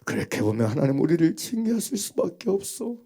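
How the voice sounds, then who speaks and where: A male pastor preaching a Sunday sermon in a strikingly high, gravelly voice. He fires off rhetorical questions, drops to a hush and then rises to impassioned shouts. His pitch swings widely and expressively. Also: sing-song, moderate pace.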